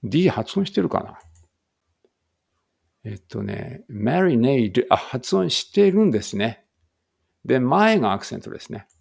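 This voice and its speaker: A man with a gravelly, creaky voice leads a read-aloud English lesson. He reads each Japanese line and then the English slowly and deliberately, breaking off now and then to check how a word is pronounced. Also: mid-range voice, very animated, darkish tone, dry recording. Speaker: English teacher.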